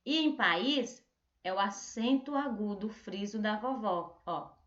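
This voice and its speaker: A Brazilian woman teaching a remote lesson, drawing out words slowly to show stressed syllables. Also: mid-range voice, animated, a bit bright. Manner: slow, drawn-out word modelling with stressed syllables. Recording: echoey room, dull lo-fi sound.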